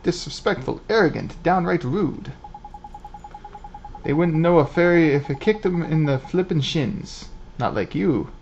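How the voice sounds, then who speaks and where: A man's voice: fairly high pitch, lively intonation, measured pace, creaky, a little mellow, lo-fi sound, a little hiss or hum. A man doing a cheeky little fairy sidekick. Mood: chatty. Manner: cheeky, slangy banter.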